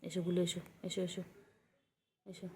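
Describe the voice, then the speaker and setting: A woman's voice: on the low side, little pitch movement, brisk, darkish tone, slight background noise, low-quality recording. Woman coaxing and scolding her cats. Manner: coaxing, calling and mock-scolding pets in baby talk. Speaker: pet owner. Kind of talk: casual talk to her cats.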